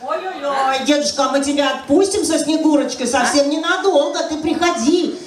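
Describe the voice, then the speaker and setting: Woman, middle-aged, high voice, children's party host, echoey hall, crowd around. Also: moderate pace. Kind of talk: live event hosting, addressing children. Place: banquet hall, indoors. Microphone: handheld microphone through speakers, filmed from afar. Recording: echoey hall, distant camera, crowd noise.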